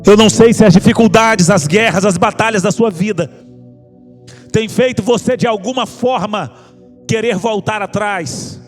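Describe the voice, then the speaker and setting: With a high voice and a moderate pace, a Brazilian-accented man delivers an evangelical sermon, urging listeners through impassioned, repeated appeals. Music runs under his preaching.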